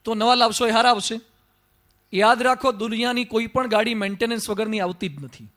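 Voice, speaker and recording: High, bright-voiced male monk preaching. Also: fairly quick. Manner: emphatic, with rhetorical questions. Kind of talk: devotional sermon.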